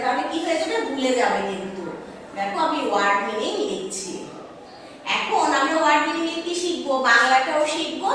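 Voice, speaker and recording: A woman with a high, bright voice teaches young children English words, spelling them slowly letter by letter and asking questions she answers herself. She sounds far from the mic in a roomy, echoing classroom with faint background noise. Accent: Bangladeshi Bengali. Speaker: primary school English teacher. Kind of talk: online class lesson at a whiteboard. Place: classroom with a whiteboard. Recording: echoey room, mic far off.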